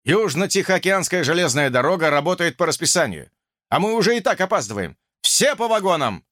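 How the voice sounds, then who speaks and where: A man's voice: fairly high pitch, big pitch swings, a little fast, fairly bright tone, dry recording, studio quality, pitched above the performer's own voice. A man voicing a commanding male train conductor who barks orders in an audiobook. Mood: stern. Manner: barking orders.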